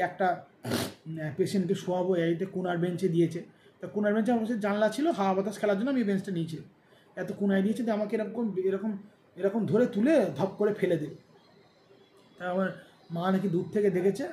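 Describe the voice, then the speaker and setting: A man's voice: high voice, warm tone, roomy sound, slight background noise. A man, still weak after surgery, telling a rambling personal story with many restarts. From India. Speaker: vlogger.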